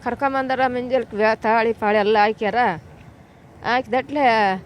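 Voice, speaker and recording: A grieving mother tells her story in a rambling way. Her voice sits slightly high. Faint background noise runs beneath her. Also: fairly even intonation, unhurried. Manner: rambling, dialect-heavy telling. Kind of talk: emotional interview testimony.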